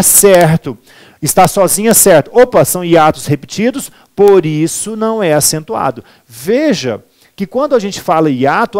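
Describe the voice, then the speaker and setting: A man's voice: high-pitched, a little mellow. A man with a Brazilian Portuguese accent teaching a grammar lesson for a civil service exam, emphatic, repeating key words and answering his own questions.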